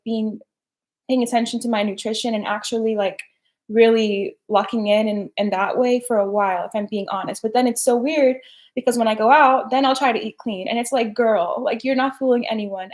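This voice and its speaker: A woman's voice: fairly high pitch, darkish tone. Chatty young woman on a livestream. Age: young adult. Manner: chatty, slangy, full of "like" and "right?". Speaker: personal development host. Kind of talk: casual live-stream chat.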